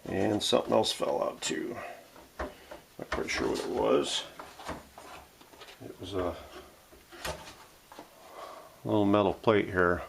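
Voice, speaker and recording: Muttering as he works, a man narrates step by step in his home workshop for a video on vintage radio restoration, which he hosts. The delivery is casual, his voice lowish and creaky, and background noise is present.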